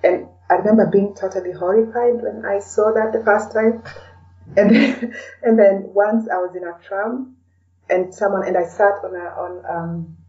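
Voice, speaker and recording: In a casual podcast interview, a Kenyan woman with a mid-range, dark and mellow voice talks at a moderate pace with fairly even intonation. She's recorded from a distance in dull lo-fi sound and keeps dropping "you know" into her sentences.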